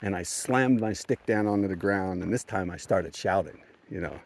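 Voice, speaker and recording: Man, low-pitched voice, rambling outdoor hiking vlog, chuckling storyteller, self-correcting. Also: normal speed. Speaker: thru-hiker vlogger. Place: outdoors on a mountain trail.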